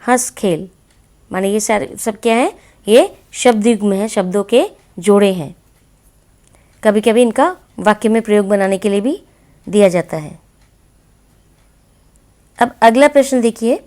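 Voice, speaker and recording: A woman teacher working through language exercises for students, speaking slowly and deliberately and addressing the class directly. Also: a little high, a little mellow. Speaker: Hindi teacher. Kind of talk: classroom lesson explaining exercises.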